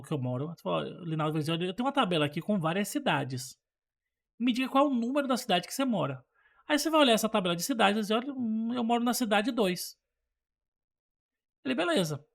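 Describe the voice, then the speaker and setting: A Brazilian teacher with a mid-range voice and vocal fry gives an informal programming lesson. The explanation is conversational, using examples, acting out sample dialogue and checking that learners keep up.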